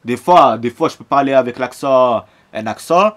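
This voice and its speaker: A young football-fan YouTuber from Marseille, France, rants about football to his own camera in a casual vlog, slangy, repetitive and fired up, with a Marseille French accent. His medium-pitched voice moves at a moderate pace, picked up by the camera mic as he films himself.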